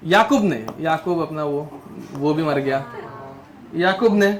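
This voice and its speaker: Male chem teacher, high voice, drills students with mnemonics. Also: takes it slowly, a crowd in the background. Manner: drills mnemonics, scolds students, Hindi mixed with English terms. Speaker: chemistry teacher. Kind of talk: classroom lecture.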